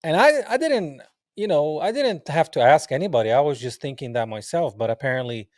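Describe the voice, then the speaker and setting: Fairly quick and a little high-pitched, this Palestinian man in his forties, a native Arabic speaker, tells animated stories as an interview guest, performing the quoted lines and laughing often. The casual storytelling is captured in a dry, studio-quality recording.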